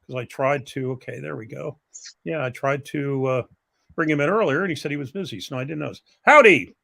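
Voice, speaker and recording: An older man co-hosting a casual live stream, talking in a halting, rambling, self-deprecating way. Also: a little high, vocal fry, pushed and bright.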